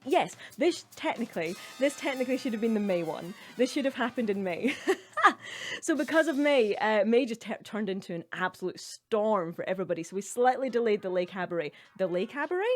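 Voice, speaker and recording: A woman's voice: mid-range voice, a little mellow. A woman hosting a cabaret livestream in casual chat, effusively thanking viewers and calling them darling and sweetheart. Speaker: cabaret host.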